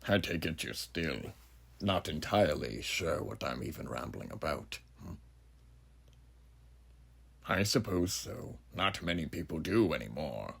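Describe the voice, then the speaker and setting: A man theatrically voices a menacing drifter, the huge, ageless, sinister judge, musing ominously in a horror monologue and posing rhetorical questions to the listener. The delivery is rumbling low yet a bit bright, sing-song and unhurried with long pauses; his gravelly, husky voice turns breathy at phrase ends.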